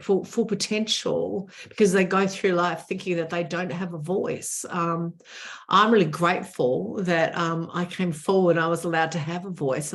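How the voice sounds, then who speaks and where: Her voice is lowish, and she talks in a conversational way as a guest responding in an interview. Earnest and emphatic, she often doubles up words for emphasis.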